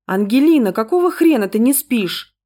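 A woman voicing an irritable, quick-tempered young mother who shouts and curses in an audiobook. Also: on the high side, lively intonation, voice pushed up. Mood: scolding. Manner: shouting, exasperated. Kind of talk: audiobook character reading.

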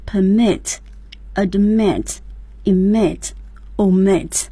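Mellow husky woman co-hosting. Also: medium pitch, fairly even intonation, extremely slow, no echo. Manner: prompts the next word and recaps the teacher. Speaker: radio co-host. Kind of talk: radio English lesson. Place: radio studio.

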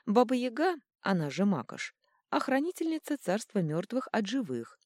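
Smug, mischievous male chaos godling voiced by a woman, very lively, dry close sound. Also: a little high, normal speed, no echo, voice pushed up. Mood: teasing. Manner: teasing, smug, purring.

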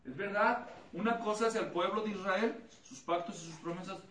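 A man's voice: high voice, normal speed, fairly bright tone. A man preaching an expository Bible study, asking the congregation questions, repeating their answers back and acting out voices in his stories. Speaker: pastor teaching a Bible study. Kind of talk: expository sermon with anecdotes. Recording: echoey room, mic at a distance, noisy.

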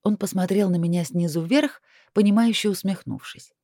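A woman narrating a first-person story in an expressive reading style. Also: mid-range voice, moderate pace, dry recording, clean studio sound. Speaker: audiobook narrator. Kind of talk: scripted narration.

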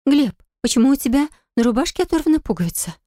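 A woman voicing a capricious, greedy young wife in an audiobook, high and squealing. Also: fast, dark tone, no echo, studio quality, lightly acted. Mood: gushing. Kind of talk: audiobook character voice.

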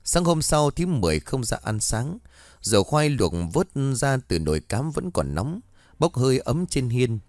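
A male storyteller narrates a scripted ghost story, his pitch rising and falling lively across a middle register. The recording is close and dry, with no room sound. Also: moderate pace, no room sound. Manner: dramatic, expressive reading.

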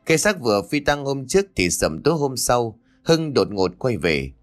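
A man narrating a ghost story in an expressive storytelling manner. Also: moderate pace, soft background music. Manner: expressive storytelling with lively pitch.

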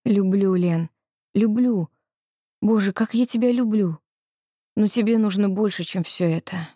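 A woman's voice: mid-range voice, a little slow, no echo, clean studio sound, natural voice. A woman reading an audiobook, voicing a young woman pleading tearfully with her lover. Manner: soft, pleading, emotional.

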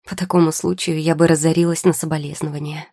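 A woman's voice: low voice, level tone, fast, mellow, slightly rough, dry recording, clean studio sound. A woman voicing a tired, prickly young potion-maker who answers in curt, sarcastic retorts. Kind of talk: audiobook character voice.

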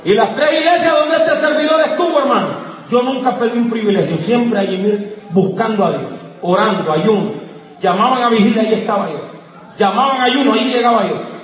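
A man, a pastor, preaching a fiery sermon to his congregation, calling out questions to the crowd and rising to shouts. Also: very high-pitched, brisk. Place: church service with congregation. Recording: echoey hall, distant mic, crowd noise.

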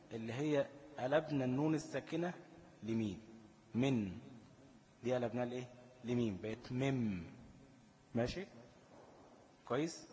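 Egyptian male recitation teacher, mid pitch, quizzing style, long reverb on the voice. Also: darkish tone. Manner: asks the listener questions and answers them himself, chants verse examples slowly. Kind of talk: tajweed lesson in colloquial Egyptian Arabic.

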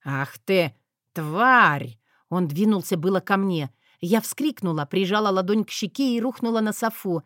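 A woman narrating a first-person audiobook in an even, steady storytelling manner. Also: mid-range voice, brisk, few pauses, no echo, clean studio sound.

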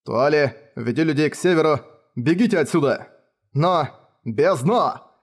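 A man's voice: a little high, animated, husky, full character voice. A man as a young commanding hero. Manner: brisk orders, clipped. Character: young male hero, commanding under pressure. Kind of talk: audiobook character voice.

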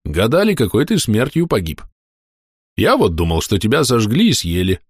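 A man voicing a big, good-natured ex-conscript in an audiobook, with a raised, lively voice. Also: fairly low pitch, moderate pace, slightly rough, no room sound, studio quality, heavily acted. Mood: eager. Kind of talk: audiobook character voice.

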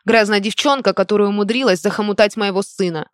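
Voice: mid-range voice, fast talker, smooth, no room sound, studio quality, natural voice. A reader voicing a domineering, wealthy middle-aged mother who scolds her grown son in an audiobook. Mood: indignant scolding. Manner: hissing, scolding, indignant.

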